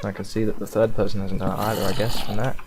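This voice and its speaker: A rambling young Australian man chats loosely over a game stream, cursing as he goes. His voice sits fairly low. A steady hiss of noise runs under the recording. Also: quick pace. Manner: rambling, swears freely. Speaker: live streamer. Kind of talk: casual gaming stream commentary. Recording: noisy background hiss.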